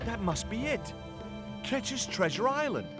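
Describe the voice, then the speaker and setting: An actor with an American accent playing a wisecracking adventurer in a video game, narrating in a dry tone. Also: male voice, extremely high pitch, sing-song, unhurried, exaggerated voice. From United States. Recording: game audio with clear music behind.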